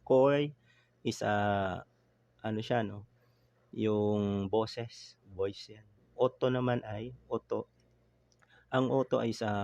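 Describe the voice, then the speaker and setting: A man's voice: lowish voice, creaky, a little mellow, dry recording. A man teaching Japanese grammar in a casual, chatty online lesson, mixing in English and often checking with "no?". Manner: chatty, code-switching, frequent "no?" tag checks.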